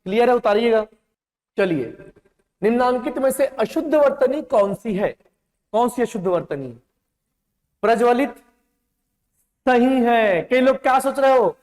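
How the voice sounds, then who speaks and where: High-voiced man teaching in an echoing hall. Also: lively intonation, a little slow, pauses often, darkish tone. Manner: drills spellings, calls students beta, repeats "clear hai?". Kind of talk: exam-prep lecture.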